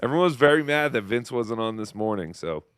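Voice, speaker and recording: A man co-hosting a podcast in casual chat, with dry, teasing deadpan humor. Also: medium pitch, brisk, smooth, no room sound. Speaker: podcast co-host.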